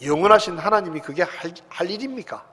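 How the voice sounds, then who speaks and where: A pastor voicing an indignant pleading sufferer. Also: male voice, sits high, animated, fast talker, bright, forceful tone, breathy edge, big-room sound, full character voice. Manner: protesting, indignant questioning. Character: complaining suffering man pleading with God.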